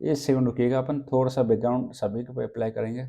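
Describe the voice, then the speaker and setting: A man's voice: mid-range voice, level tone, fast, creaky, dark tone. Man drilling exam facts. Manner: asks questions then answers them himself; repeats key points, drills with mnemonics. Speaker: teacher. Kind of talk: exam-prep lesson.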